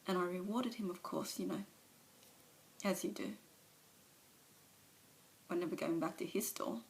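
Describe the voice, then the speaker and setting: A woman performs a monologue as a remorseful mother recovering from alcoholism, confessional and ashamed, sometimes dropping to a whisper. Her voice is on the low side and measured in pace. It was recorded on a phone camera, rough in quality with slight background noise.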